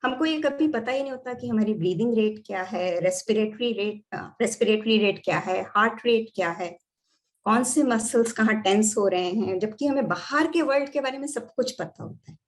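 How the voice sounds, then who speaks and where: A woman's voice: a little high, normal speed. A woman with an Indian accent explaining yoga and medicine in a lecture, switching freely between Hindi and English. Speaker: doctor and yoga therapy teacher.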